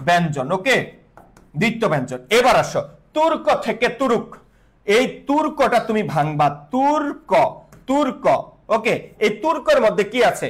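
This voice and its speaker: A man with a high-pitched voice teaches grammar in a live online class. He repeats the rules and quizzes students with call-and-response questions, mixing English words into his speech.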